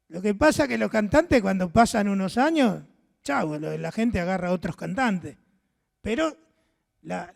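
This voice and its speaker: An older man from Argentina with an Argentine accent and a hoarse voice, preaching a sermon as pastor, telling stories and acting out the dialogue. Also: sits high, big-room sound. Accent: Argentine Spanish. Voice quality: hoarse, gravelly voice. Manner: storytelling, acts out dialogue, asks the audience questions.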